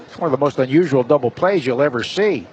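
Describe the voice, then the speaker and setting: Calling live baseball like a radio broadcast, this play-by-play announcer talks fast in a medium-pitched voice with lively intonation. Faint stadium noise sits under the slightly dull broadcast audio.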